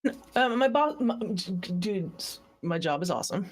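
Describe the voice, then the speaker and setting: A woman's voice: medium pitch, animated, normal speed. A woman co-hosting a podcast, chatting in a playful, self-mocking way. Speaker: podcast co-host. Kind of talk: casual chat.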